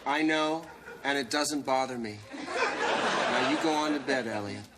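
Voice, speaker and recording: A man's voice: medium pitch, unhurried, over a noisy crowd, heavy background noise, lightly acted. A man playing a teasing single father in a 1990s sitcom, with dry, sarcastic wit. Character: wry, teasing middle-aged single dad.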